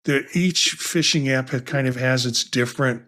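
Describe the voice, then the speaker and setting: Here a man co-hosts a casual tech podcast at a mid-range pitch, talking into a podcast mic. He rambles, restarts his sentences and drifts into asides as he goes. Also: moderate pace, sharp tone. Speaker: podcast co-host.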